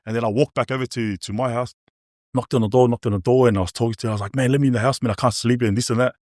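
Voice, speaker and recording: A man tells his own story candidly and very quickly. His speech is loose and slangy, dotted with bro and man. The sound is close and dry, like a relaxed podcast chat. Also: medium pitch, no room sound. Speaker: podcast guest. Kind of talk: candid personal testimony in casual chat.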